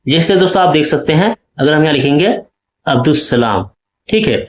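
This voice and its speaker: Going through exam questions one after another, a male teacher with a fairly high voice leads an exam-prep lesson at a fast pace. He explains each answer patiently and keeps checking that the class is keeping up, and the recording carries a noticeable room echo.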